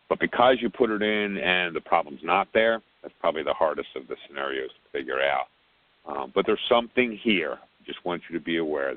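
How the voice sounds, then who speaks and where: Over a tinny phone line, a man with a very deep voice leads a casual technical briefing, rambling and repeating words. He's the technical support lead on a conference call, and there's no room sound.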